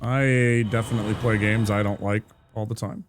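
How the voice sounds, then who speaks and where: Relaxed and chatty, a man streams a video game live and muses aloud to his viewers while playing. His fairly low voice moves at a moderate pace over background noise.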